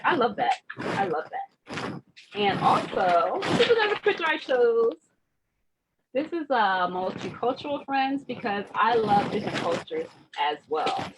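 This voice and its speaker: Lively high-voiced woman, noisy recording. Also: measured pace. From grew up in Germany as an American military child. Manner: warm, affirming, repeats phrases for emphasis. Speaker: host leading a vision board party. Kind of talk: casual spiritual chat. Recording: noisy background hiss.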